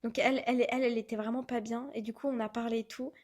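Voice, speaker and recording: A young woman from France tells a lively story on a relaxed podcast, acting out the lines of the people in it. Her voice sits a little high for a woman, and her talk stays casual and chatty. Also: very fast. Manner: animated storytelling, acting out quotes. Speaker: podcast co-host. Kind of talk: casual chat.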